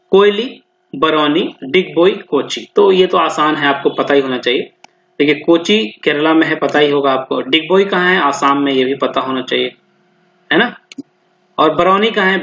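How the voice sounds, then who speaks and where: A man's voice: on the high side, fairly bright tone. A man tutoring students through exam questions, thinking aloud, repeating answers and speaking to them directly. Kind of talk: explanatory lesson, solving exam questions. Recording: roomy, dull lo-fi sound.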